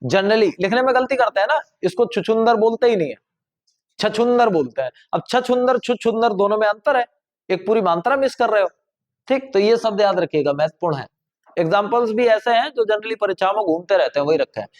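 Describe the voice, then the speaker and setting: A man's voice: sits high, animated, fairly quick, dull audio. A man teaching a grammar class, explaining pronunciation patiently and repeating example words aloud to stress their sounds.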